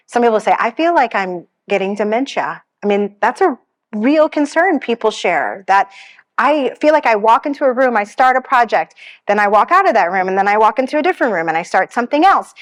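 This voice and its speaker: In a funeral home seminar room, a grief counselor with a voice on the high side gives a conversational presentation to an audience. She is gentle and reassuring, shares personal stories, and says she has a pretty strong voice.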